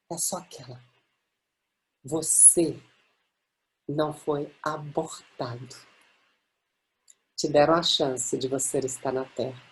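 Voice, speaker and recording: Brazilian woman telling an animated story. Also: deep voice. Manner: animated storytelling, acting out quoted dialogue. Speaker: guest speaker. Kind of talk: personal testimony talk.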